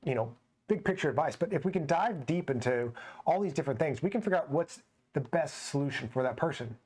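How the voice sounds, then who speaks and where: Higher-voiced man trainer co-hosting. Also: animated, brisk, darkish tone, breathy edge. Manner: conversational, anecdotal, quotes clients. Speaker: podcast co-host, personal trainer. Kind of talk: casual podcast discussion.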